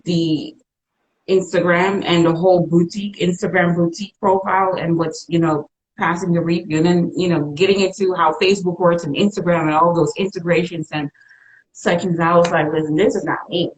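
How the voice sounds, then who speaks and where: A woman's voice: on the low side, steady tone, a little fast, low-quality recording. A woman in her forties from Suriname, Dutch by first language, with a Dutch accent, talking frankly and reflectively as an interview guest. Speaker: guest entrepreneur. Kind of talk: casual interview chat.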